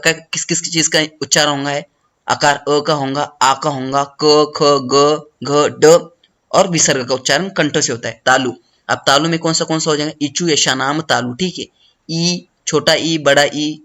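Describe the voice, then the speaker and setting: Male teacher going thru notes fast, bright sharp voice, kinda high. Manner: fast, repeats "ठीक है" after each point. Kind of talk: study lesson explaining notes.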